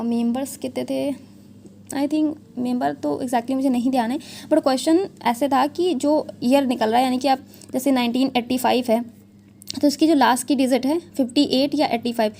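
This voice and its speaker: A young woman with a fairly high voice explains exam questions in a relaxed, chatty way. She keeps checking in with her viewers and slips English words into her Hindi. A faint hiss sits under her voice. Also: vocal fry. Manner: chatty, repeats "theek hai" often, mixes English into Hindi. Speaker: exam prep educator. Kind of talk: casual exam analysis talk.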